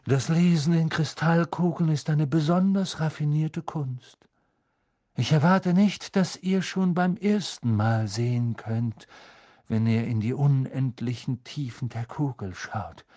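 A man voicing an eccentric older female fortune-telling teacher in an audiobook, drawn-out and airy, at times sinking to a breathy whisper. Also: fairly high pitch, dark tone, pitched above the performer's own voice. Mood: mystical, solemn. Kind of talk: audiobook character voice.

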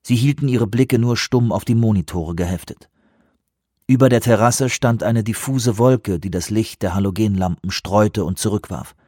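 A man narrating an audiobook in a measured, even way. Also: fairly low pitch, no echo, studio quality. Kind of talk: scripted narration.

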